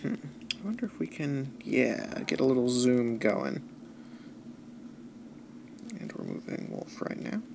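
A man's voice: mid-range voice, big pitch swings, slow pace, creaky, pauses often, heavy background noise. A man giving casual, laid-back commentary on a game he is playing, thinking aloud and making dry jokes. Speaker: let's play host. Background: loud game music.

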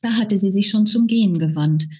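A woman author reading her own novel aloud in an unhurried, even manner. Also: mid-range voice, husky. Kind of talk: book reading.

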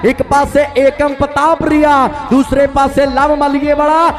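A man with a Punjabi accent giving live kabaddi commentary in a loud, dramatic, declamatory way, with rhyming praise and rallying calls. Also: very high-pitched, little pitch movement, normal speed, music in the background.

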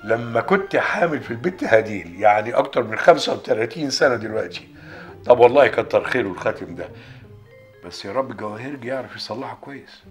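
A man's voice: mid-range voice, fast talker, faint music behind, close to an everyday voice. An actor playing an older husband who chats fondly with his wife, with an Egyptian accent. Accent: Egyptian Arabic. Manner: chatty, lively, nostalgic.

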